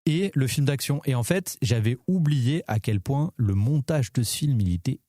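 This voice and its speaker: A man's voice: mid-range voice, animated, moderate pace, dark tone, no room sound, studio quality. A man co-hosting a casual film podcast, talking enthusiastically with lots of fillers and restarts. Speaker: podcast co-host.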